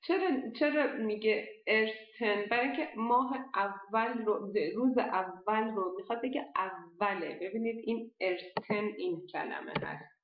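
A woman teaching a language lesson, explaining step by step and saying the foreign words slowly and carefully. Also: mid-range voice. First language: Persian. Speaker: German teacher. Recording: dull lo-fi echoey room.

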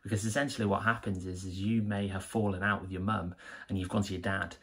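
A young man, a member of his church, shares a devotional with earnest enthusiasm while filming himself in a small, plain room. His low, husky voice moves fast with a flat delivery.

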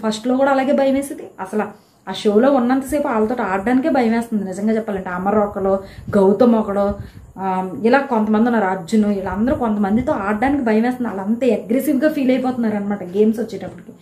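A woman giving a casual, animated recap of a reality show episode, telling who quarreled with whom. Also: a little high, quick pace. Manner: chatty, animated retelling of quarrels. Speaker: show reviewer. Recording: echoey room.

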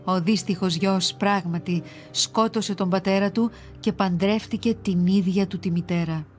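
A woman narrates an ancient myth for a children's series in a steady, measured storytelling voice. Her pitch sits in the middle range, and soft music plays quietly behind her.

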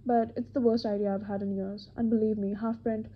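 A woman voicing a gruff, rude male bounty hunter in an amateur audiobook reading, her voice dropped low and hoarse. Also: flat delivery, a little fast, a little hiss or hum, close to an everyday voice. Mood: brooding. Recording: dull lo-fi home recording.

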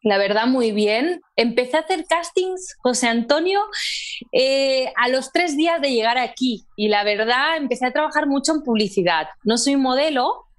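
A young woman from Barcelona with a Spanish accent, an actress chatting as a guest in an interview over a video call, talking warmly with many fillers. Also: sits high, expressive, moderate pace. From Catalonia, Spain. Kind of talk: casual interview chat. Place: home room, indoors. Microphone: earphone headset on a video call.

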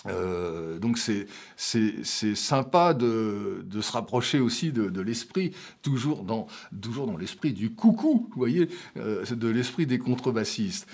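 A man's voice: fairly low pitch, lively intonation, unhurried, slightly rough. Older man teaching jazz piano. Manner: loose, chatty explaining with sung note syllables and counting. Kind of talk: spoken piano lesson with playing. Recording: talk over loud piano playing.

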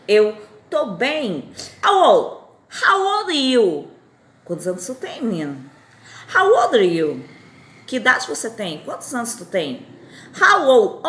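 A teacher in her forties from Fortaleza, speaking in a mid-pitched, tired-sounding voice. She says each English phrase slowly, then repeats it. The recording rings with room echo. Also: fairly bright tone. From Fortaleza, Brazil. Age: 40s. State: tired, strained voice. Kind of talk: recorded lesson.

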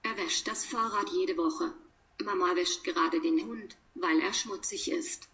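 A woman reading example sentences for a language lesson, one by one, in a measured, deliberate way with pauses between them. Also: lowish voice, sharp tone. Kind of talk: slow read-aloud of example sentences.

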